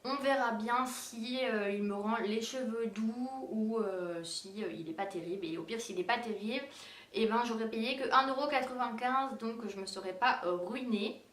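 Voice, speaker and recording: A woman's voice: fairly high pitch, normal speed, fairly bright tone. A young woman chatting casually through a shopping haul, hesitant, with many fillers. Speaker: beauty and decor vlogger. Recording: roomy echo, distant mic.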